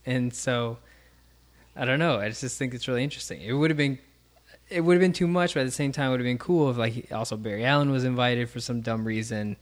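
A man's voice: medium pitch, a little fast. A man co-hosting a podcast in casual chat, rambling with many fillers and restarts. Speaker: podcast co-host.

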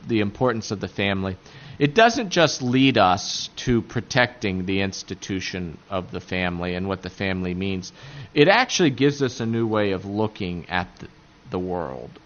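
A man with a fairly low voice and an Appalachian accent teaches catechism. He explains point by point in a halting way, often searching for the next word. The recording is somewhat dull and muffled. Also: a bit bright. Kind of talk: religious lecture, explaining point by point.

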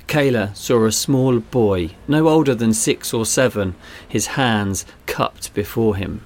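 A man reading a children's adventure story aloud in a measured storytelling delivery. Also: mid-range voice, a little mellow. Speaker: narrator. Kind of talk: scripted narration.

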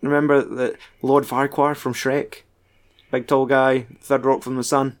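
A man's voice: mid-range voice, little pitch movement, unhurried. A Scottish man co-hosting a casual film podcast, rambling and joking with some swearing. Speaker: podcast co-host.

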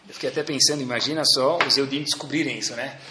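Um professor religioso com sotaque brasileiro, contando histórias de forma animada e com piadas numa aula. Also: male voice, mid-range voice, very fast, roomy sound, noisy background. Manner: lively storyteller, jokey asides. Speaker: religious teacher. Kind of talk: religious class with stories and jokes.

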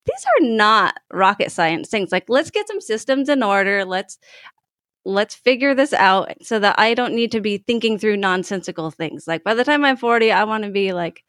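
A woman's voice: mid-range voice, lively intonation, moderate pace, fairly bright tone, no room sound, studio quality. A woman in her thirties, a guest in a casual interview, talking candidly and laughing easily. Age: 30s.

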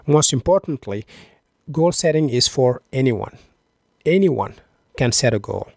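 A man's voice: mid-range voice, animated, a little slow, vocal fry, a little mellow, no room sound. Dry-sounding male motivational podcast host. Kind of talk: scripted motivational talk.

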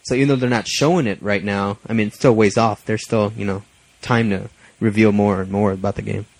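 A man's voice: fairly low pitch, steady tone, brisk, creaky, dry recording, low-quality recording. Young male co-host, casual, teasing, dry studio sound. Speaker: podcast co-host. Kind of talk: casual chat.

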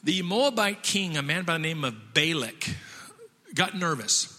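A man's voice: fairly high pitch, very animated, unhurried, pushed and bright. A man preaching a sermon in a folksy storytelling way with restarts, in a long-reverb hall. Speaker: pastor.

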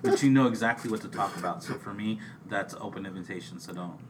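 A man's voice: fairly low pitch, fast talker, recorded from a distance, over a noisy crowd. Rambling man talking a little off-mic. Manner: rambling, with frequent restarts. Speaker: podcast co-host. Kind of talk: casual podcast chat. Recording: off-mic with faint background hiss.

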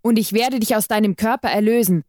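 A woman's voice: mid-range voice, fairly quick, darkish tone, dry recording, close to an everyday voice. A deranged man posing as an exorcist priest, as a female reader puts him on snaps zealous accusations with cold menace. The voice sits close to the reader's own. The recording is dry, with no room sound. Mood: fanatical menace. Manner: snapping, zealous.

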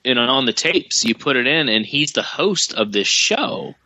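A man's voice: medium pitch, animated, moderate pace, bright, forceful tone. A man co-hosting a horror movie podcast over a call, chatting casually with lots of fillers and restarts. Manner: rambling, many fillers and restarts. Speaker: podcast co-host. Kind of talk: casual chat. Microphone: remote call.

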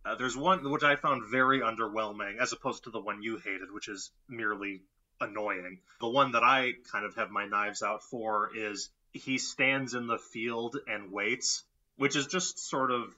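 A man co-hosting a horror film podcast in casual chat, wry and quick to laugh. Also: lowish voice, bright, forceful tone, dull audio. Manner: wry, laughs often, puts on mock voices. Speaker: podcast co-host.

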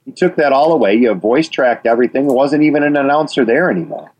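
A Wisconsin man with a local accent, speaking as an interview guest about radio policy, drives his points home with repeated phrases. His medium-pitched voice moves quickly with lively intonation and a slightly mellow quality.

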